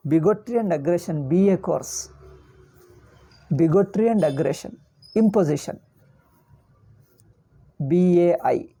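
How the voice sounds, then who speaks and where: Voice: medium pitch, unhurried, pauses often, warm tone, slightly rough. An older spiritual teacher with a South Indian accent gives an informal religious discourse, repeating words and phrases for emphasis.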